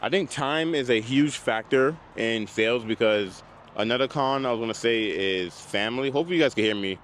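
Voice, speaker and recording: A man's voice: medium pitch, brisk. A man talking casually as a car salesman giving advice in a vlog, in a conversational way that repeats points for emphasis. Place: outdoors at a car dealership. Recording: noisy outdoor lot, vehicle and dryer noise. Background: loud dryer and passing cars.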